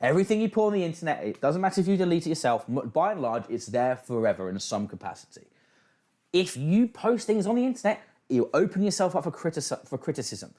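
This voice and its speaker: A man's voice: fairly high pitch, big pitch swings, fast talker, warm tone. A man hosting a livestream with casual reaction commentary, speaking in a sardonic, blunt way with plenty of swearing. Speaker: livestream host.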